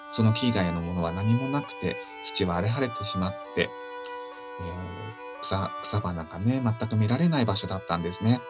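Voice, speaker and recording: A man hosting a casual radio show, reading a children's story in a gentle, friendly way with soft fillers. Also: fairly low pitch. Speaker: radio host and story reader.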